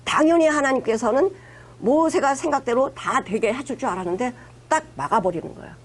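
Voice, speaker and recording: A woman pastor delivers a sermon in a high, somewhat husky voice. She talks to the congregation in a conversational, emphatic way and slips into acted-out quotes as she retells the story. Her delivery moves between teaching and dramatized speech. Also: brisk.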